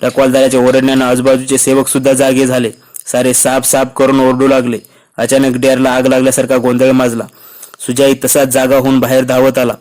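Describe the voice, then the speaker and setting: A man reading a historical novel aloud in a steady, even way. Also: medium pitch, fairly quick. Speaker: narrator.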